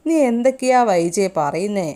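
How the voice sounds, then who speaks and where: A protective older brother speaks loudly and fast, scolding one moment and soothing the next, as a woman narrator reads his part. The voice stays close to her own, recited rather than acted. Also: mid-range voice, lively intonation, lightly acted. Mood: worried, defensive. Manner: loud, scolding, quick. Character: protective older brother, angry then coaxing.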